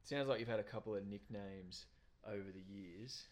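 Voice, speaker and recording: An Australian man with a fairly deep voice hosts a relaxed chat. He talks informally, like one mate interviewing another. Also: moderate pace. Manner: informal, matey. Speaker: interviewer and host.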